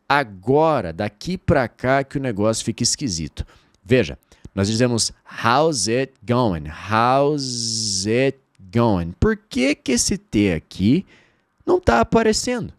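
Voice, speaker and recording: A Brazilian man with Portuguese as his first language, teaching an online English lesson and drilling phrases slowly with repetition. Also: medium pitch, no room sound, studio quality. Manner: lively, drills phrases slowly and repeats them.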